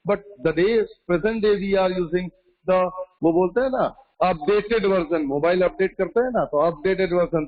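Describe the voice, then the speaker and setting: Male math teacher, high-pitched, kindly roll call over a dull lo-fi video call. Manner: mixes Hindi and English, calls students "beta". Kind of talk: online class lecture and roll call. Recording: muffled lo-fi online call audio.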